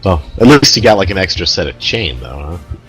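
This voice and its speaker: A man's voice: low voice, very animated, a little fast, fairly bright tone, soft background music. A man playing a tabletop role-playing game, talking casually at the table.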